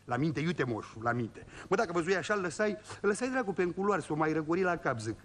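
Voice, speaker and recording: A man's voice: fairly high pitch, big pitch swings, a little hiss or hum. A man telling a rustic comic monologue in a folksy way, turning often to his listeners. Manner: folksy, addresses listeners directly. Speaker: comic storyteller.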